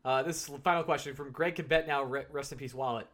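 A man's voice: medium pitch, a little fast, fairly bright tone. A man hosting a sports podcast in casual chat, steering the questions and the guest. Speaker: podcast host.

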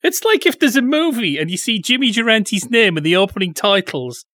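A man co-hosting a film review podcast, chatting in a sardonic way and tossing in silly quick voices. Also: high-pitched, big pitch swings, sharp tone, no echo, clean studio sound. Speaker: podcast co-host. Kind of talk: casual film review chat.

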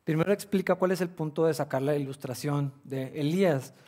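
A man preaching a sermon with earnest, repeating emphasis and fillers as he searches for words. His voice sits a little high for a man. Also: a little fast, mellow. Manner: earnest, repetitive, with frequent restarts and fillers. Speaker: pastor.

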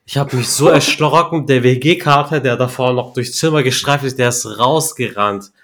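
A young man telling a story in relaxed podcast chat, slangy and laughing at his own punchlines. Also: mid-range voice, moderate pace. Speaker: podcast co-host. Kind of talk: casual storytelling.

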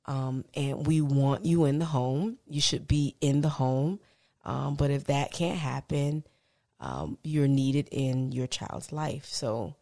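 A woman with a notably low voice talks through her stories in a relaxed, conversational way. She laughs easily as she goes. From time to time she turns playful and animated. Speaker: guest, business founder. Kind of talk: casual interview chat.

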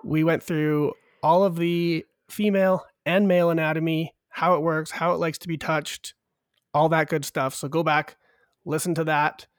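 Despite having a cold, this male podcast co-host keeps things upbeat while casually going over survey figures. His voice is high with a flat delivery and a clean tone, at moderate pace, in an echo-free studio recording.

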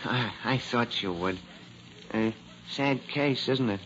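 A man's voice: medium pitch, takes it slowly, a bit bright. An actor playing a prim, polite, disapproving male druggist in an old-time radio drama. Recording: noisy, muffled old radio recording.

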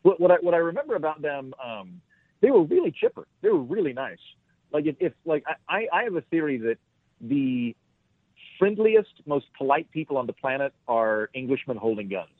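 A man's voice: on the high side, big pitch swings, fairly quick, no echo. Guy comedian rambling thru a story, lots of restarts, sounds like a phone line, dry. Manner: rambling, self-deprecating, many restarts. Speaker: guest comedian. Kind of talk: storytelling in a podcast interview.

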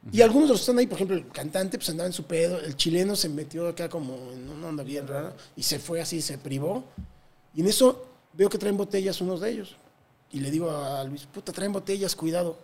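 A man with a Mexican accent telling a touring story in a casual interview, animated and full of slang and swearing. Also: high voice. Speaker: touring musician guest.

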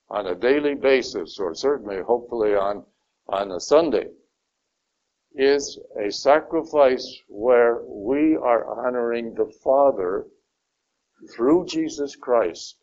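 A man teaching a Bible study lesson, slow and deliberate, stressing key words. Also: mid-range voice, a little mellow. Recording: dull lo-fi recording.

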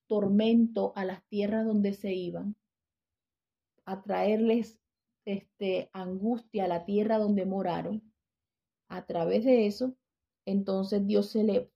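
A woman giving a conversational Bible lesson, often checking in with her listeners and restarting her phrases. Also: mid-range voice. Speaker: Bible teacher. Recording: dull lo-fi recording.

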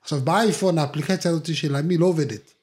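A man's voice: on the high side, darkish tone. A young man, co-hosting a podcast and telling stories in casual slang, full of fillers and restarts. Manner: slangy, rambling storytelling with many fillers. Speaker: podcast co-host. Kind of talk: casual chat.

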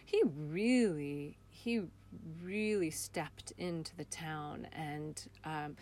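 A playwright and director appears as an interview guest, talking casually and expressively and describing things with enthusiasm. Her voice is low-pitched with drawn-out words and a darkish tone, plus a little hiss or hum. The audio comes from a computer call that she also recorded on her phone.

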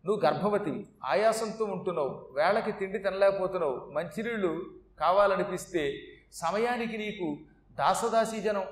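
A scheming male god who turns humble and imploring, begging at a mother's feet, as a storyteller puts him on. The voice sits high, and the words ring in an echoey room. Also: distant mic.

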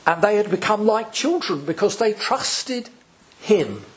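Slow, high-voiced preaching priest. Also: male voice, animated, slight background noise. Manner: slow, deliberate preaching with dramatic pauses. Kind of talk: sermon.

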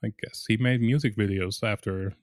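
A man's voice: lowish voice, fairly even intonation, moderate pace, no room sound, studio quality. A man co-hosting a movie podcast, speaking hesitantly with many ums and restarts. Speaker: podcast co-host. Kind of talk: casual chat.

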